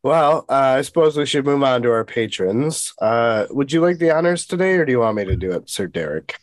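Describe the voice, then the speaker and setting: A man's voice: medium pitch, expressive, fairly quick, dry recording. A man co-hosting a book podcast, chatting casually with jokes and loose fillers. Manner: jokey, rambling, with fillers. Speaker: podcast co-host. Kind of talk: casual chat.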